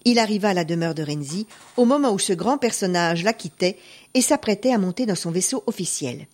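A woman reading a folk tale aloud as narrator, expressive and animated. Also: mid-range voice, brisk. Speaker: storyteller.

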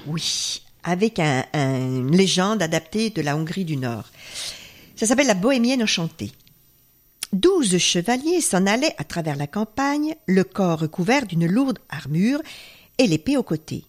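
A woman storyteller reading a folk tale aloud, expressive and dropping to a hush at tense moments. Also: on the low side, measured pace.

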